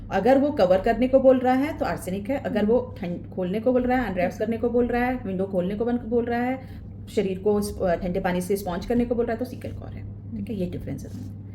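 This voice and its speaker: A woman gives a classroom lecture on homoeopathic remedies. Her voice is mellow and dark. She reads English medical phrases slowly, explains them in Hindi, and a faint hum sits under the recording. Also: a little high. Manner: checks in with the class.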